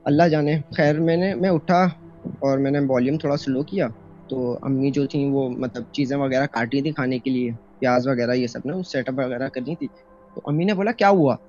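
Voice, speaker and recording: Brisk and medium-pitched with a darkish tone, a young man from Pakistan tells a personal horror story. The telling is casual and rambling, full of fillers and restarts, captured in a dull lo-fi voice note on his phone with faint music.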